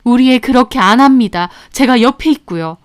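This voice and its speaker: A woman's voice: fairly high pitch, animated, fairly quick, clear, resonant tone, no echo, studio quality, close to an everyday voice. A woman doing a firm, indignant mother. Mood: upset. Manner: firm, pleading. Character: hurt, indignant mother of a young boy.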